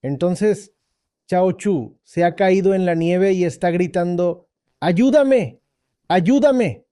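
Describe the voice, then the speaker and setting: A man giving a dubbed spiritual lecture as a teacher, speaking deliberately, repeating key points and checking that listeners follow. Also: sits high, fairly even intonation, mellow, clear, resonant tone, no room sound, clean studio sound.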